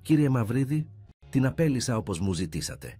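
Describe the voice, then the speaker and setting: A man's voice: medium pitch, big pitch swings, dark tone, faint music behind, voice pushed up, natural voice. A man voicing a nervous, deferential woman who heads a household's staff in a read-aloud story. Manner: deferential, apologetic.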